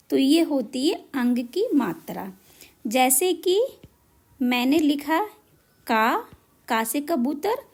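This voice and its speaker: A woman with a high voice and a gravelly edge teaches a lesson on letter marks. She goes very slowly, sounding out every syllable with deliberate care. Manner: slow, deliberate spelling out of syllables. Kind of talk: Hindi matra lesson.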